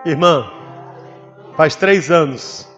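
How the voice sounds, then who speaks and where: A man with a Brazilian Portuguese accent, a pastor giving an animated testimony in church and acting out the voices in his story. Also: a little high, drawn-out words, muffled recording. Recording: long hall reverb with faint music behind.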